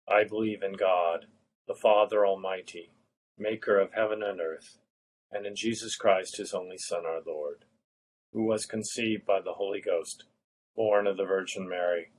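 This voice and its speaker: A man with a fairly low voice leads an evening prayer service. He recites creeds and collects in a solemn, measured manner, as a liturgical officiant. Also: darkish tone, poor audio.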